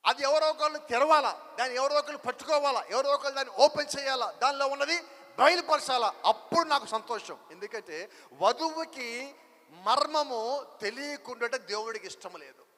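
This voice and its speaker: A man's voice: very high-pitched, lively intonation, moderate pace, bright, forceful tone. A man preaching a sermon, emphatic, driving his points home with repeated rhetorical questions. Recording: long hall reverb.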